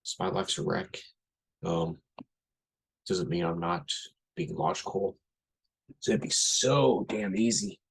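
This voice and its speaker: A man in his thirties rambles through a blunt, casual solo talk, piling up fillers and restarts. His voice sits low and carries a gravelly fry with a husky edge. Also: animated, measured pace, pauses often, rough recording. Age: 30s. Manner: rambling, blunt, frequent fillers and self-corrections. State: has a headache. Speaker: podcast host. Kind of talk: casual spoken monologue.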